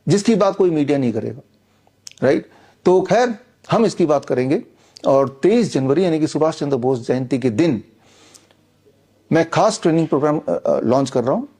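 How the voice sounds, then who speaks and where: A man's voice: on the high side, mellow. A middle-aged man giving an insistent, combative monologue straight to the listener, with frequent "uh" fillers as he promotes his books and a training program. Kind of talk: persuasive direct-to-camera monologue.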